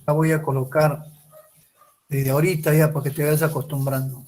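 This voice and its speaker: A man's voice: on the high side, little pitch movement, moderate pace, darkish tone. A man teaching a chemistry class, asking questions and answering them himself, repeating key words for emphasis. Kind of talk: recorded class lecture.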